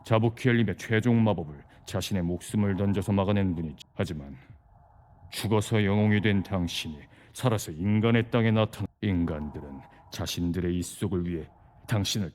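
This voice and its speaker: An actor playing a calm, persuasive dark lord of a demon race in a fantasy game, speaking formally and deliberately. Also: male voice, lowish voice, a little hiss or hum, close to an everyday voice. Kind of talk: scripted fantasy game voice acting.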